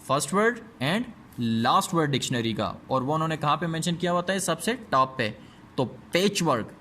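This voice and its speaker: Man teaching English, slow deliberate reading. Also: on the high side, fairly bright tone, slight background noise. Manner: reads English slowly word by word, explains quickly in Urdu. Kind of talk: classroom lesson explaining a textbook.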